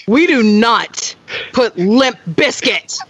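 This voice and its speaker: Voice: medium pitch, expressive, slow, no echo. A podcast co-host talking in a teasing, mock-stern way. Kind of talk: casual chat.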